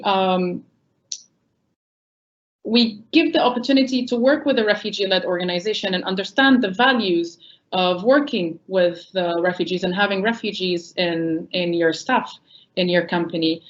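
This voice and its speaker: A woman from a refugee employment nonprofit speaks earnestly as a panelist, her low-leaning voice recorded with the highs cut off. English isn't her first language, and her panel remarks are full of ums and self-corrections.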